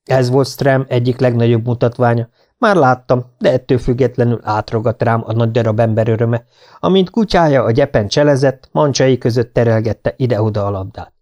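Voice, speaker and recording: A man narrating an audiobook in a steady storytelling manner. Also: mid-range voice. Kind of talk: scripted narration.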